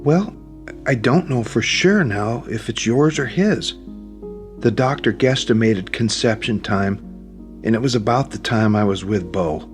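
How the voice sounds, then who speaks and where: A man's voice: fairly low pitch, lively intonation, unhurried, soft background music, voice pushed up. A man reading an audiobook, voicing a tearful, anxious young woman who pleads emotionally. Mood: pleading.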